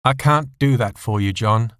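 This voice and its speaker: A man's voice: medium pitch, measured pace, fairly bright tone, smooth, no room sound, clean studio sound, close to an everyday voice. A man voicing a bitter, scornful wife in audio story dialogue, cutting and accusatory. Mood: bitter, cold. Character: bitter, scornful wife refusing all sympathy.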